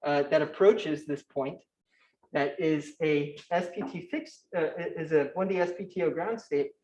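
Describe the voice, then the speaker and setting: A young man presenting a physics talk at a conference, his voice sitting a little high. He talks fast and technically, stumbling into restarts and fillers. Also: a little mellow, muffled recording. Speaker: conference speaker. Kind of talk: academic talk.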